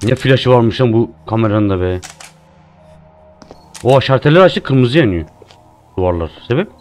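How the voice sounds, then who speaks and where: A man's voice: mid-range voice, lively intonation, moderate pace, darkish tone, soft background music. A man doing live commentary while playing a horror game, jumpy and joking, cursing at the game. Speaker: streamer.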